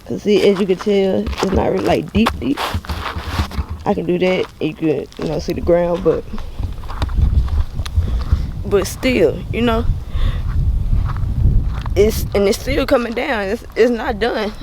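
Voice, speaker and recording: A woman's voice: medium pitch, a little slow, pauses often. A woman chatting casually to a vlog audience, slangy and repetitive, her speech slightly impeded by a grill on her teeth. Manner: slangy, repeats words for emphasis. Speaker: vlogger. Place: outdoors, walking in snow. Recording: noisy windy outdoor recording. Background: wind and outdoor noise.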